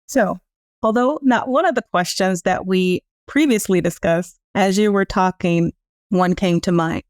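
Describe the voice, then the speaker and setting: A woman's voice: mid-range voice, unhurried, a little mellow, dry recording, clean studio sound. A woman who directs programs, hosting an interview with a formal, polished, scripted delivery. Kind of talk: scripted introduction and interview questions.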